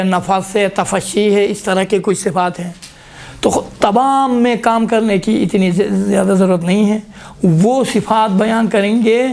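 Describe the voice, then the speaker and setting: A man's voice: high-pitched, a little mellow. Man teaching recitation, sounding out letters. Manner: repeatedly demonstrates letter sounds aloud, prompting "look". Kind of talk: classroom tajweed lesson.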